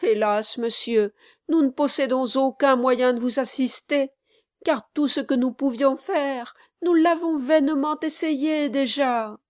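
A woman reading an audiobook, voicing a stout, emotional newly married woman who exclaims in a high, breathless voice. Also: unhurried, no echo, studio quality. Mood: sorrowful.

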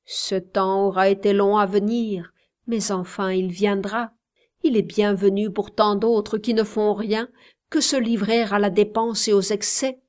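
A woman voicing a pensive, doting old grandfather who murmurs in a slow storybook reading. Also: medium pitch, fairly even intonation, a little mellow, close to an everyday voice. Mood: brooding.

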